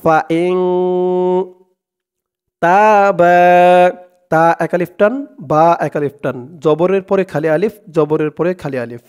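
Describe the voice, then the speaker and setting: A man teaching Quran reading, breaking words into syllables and slowly chanting the verses. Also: a little high. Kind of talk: step-by-step recitation lesson.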